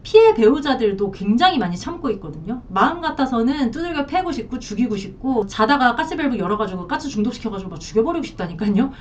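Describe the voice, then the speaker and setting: A woman's voice: sing-song, fast, hardly any pauses. Blunt, emphatic woman counselor. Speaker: marriage counselor. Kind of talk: advice talk to camera. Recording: slightly distant, dull lo-fi, faint rumble.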